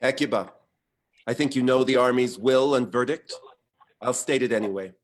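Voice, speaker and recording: An actor playing a calculating Greek commander, curt and matter-of-fact. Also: male voice, medium pitch, normal speed, close to an everyday voice. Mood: cold businesslike. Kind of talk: stage play reading.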